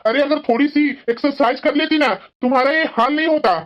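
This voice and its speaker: A woman's voice: high voice, a little fast, muffled recording, natural voice. A woman voicing a stern, dismissive young husband in a cartoon, speaking curtly. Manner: curt, dismissive. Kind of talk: cartoon voice acting.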